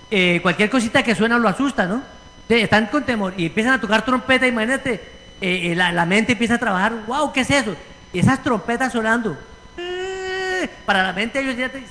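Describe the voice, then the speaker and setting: Casting: Puerto Rican male pastor, high bright voice, lively preaching, long church reverb. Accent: Puerto Rican Spanish. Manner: animated preaching, acting out quoted voices. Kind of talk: sermon with congregation discussion. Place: church sanctuary.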